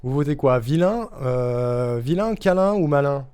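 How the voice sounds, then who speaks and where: A man streaming live, chatting casually and haltingly, thinking out loud with plenty of hesitations. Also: mid-range voice, lively intonation, clean tone. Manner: halting, thinking aloud, lots of fillers.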